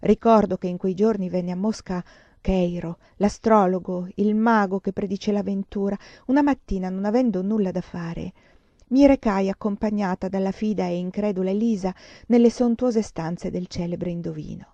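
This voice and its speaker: A woman reading a novel aloud in an expressive, dramatic way, closely miked in a slightly dull recording. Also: moderate pace, no echo. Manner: dramatic, rising in pitch at tense moments. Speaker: reader of a novel.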